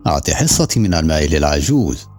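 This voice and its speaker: A man's voice: rumbling low, very animated, fast talker, a little mellow, soft background music. A man voicing a fierce, defiant woman who mocks those around her in an audiobook. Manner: sarcastic.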